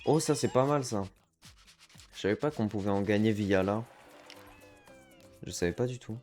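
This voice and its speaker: Casual gamer muttering over play. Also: male voice, on the low side, normal speed, a little mellow, soft background music. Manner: chatty, reacts aloud to the game, mixes in English slang. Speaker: gaming streamer. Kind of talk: casual let's-play commentary.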